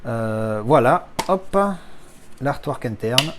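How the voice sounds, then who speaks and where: A man talks casually as he unboxes films. His voice sits at an average pitch, and he rambles along with frequent fillers and restarts. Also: expressive, slow pace, background noise.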